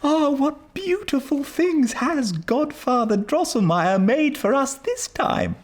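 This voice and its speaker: A man voicing an excited, wonderstruck seven-year-old girl during fireside storytelling of a children's tale. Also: very high voice, takes it slowly, full character voice. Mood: delighted. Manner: exclaiming, wonderstruck.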